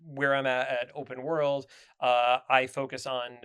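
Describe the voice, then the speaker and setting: A man's voice: medium pitch, level tone, measured pace, a bit bright, smooth. A man guesting on a podcast, telling enthusiastic stories in casual chat with many fillers.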